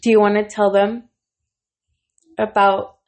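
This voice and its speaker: A woman's voice: medium pitch, level tone, unhurried, a little mellow. A woman co-hosting a podcast in casual chat, teasing and laughing along. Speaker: podcast co-host.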